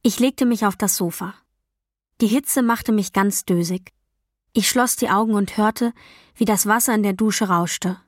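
Woman reading an audiobook, calm and even, very dry close mic. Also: mid-range voice, measured pace, no echo. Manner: calm, even storytelling with quiet dialogue voices. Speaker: audiobook narrator. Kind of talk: first-person audiobook reading. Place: dry recording booth. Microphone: close studio mic.

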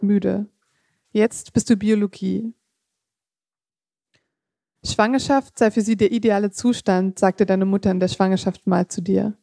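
Woman author, measured literary reading, warm mellow tone, dry close sound. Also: medium pitch, creaky, dry recording. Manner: measured reading with occasional slips and casual asides. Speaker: author reading her own text.

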